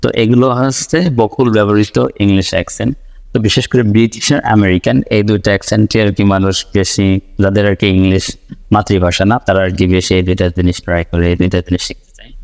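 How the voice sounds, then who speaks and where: Fast-talking man teaching English. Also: fairly low pitch, a little mellow, big-room sound. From Bangladesh. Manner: explains patiently, repeats points, writes on a board. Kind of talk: spoken English lesson.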